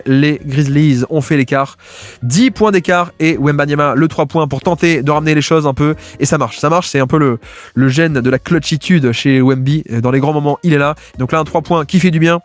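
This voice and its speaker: A man giving casual, fast-paced commentary as he breaks down basketball game film, with many fillers and restarts. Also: fairly high pitch. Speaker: basketball video analyst.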